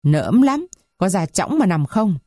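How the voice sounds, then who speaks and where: A woman voicing a fiery peasant wife who scolds and wails loudly at her household. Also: medium pitch, very animated, measured pace, no echo, studio quality. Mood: coaxing. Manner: scolding, wailing at full voice. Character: fiery peasant wife, shrill when angry.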